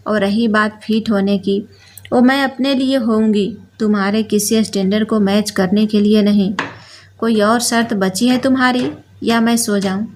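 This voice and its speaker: Woman doing a defiant young bride, calm and cutting, in a story reading, bit high. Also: slight background noise, close to an everyday voice. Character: bold, sharp-tongued young bride, a surgeon.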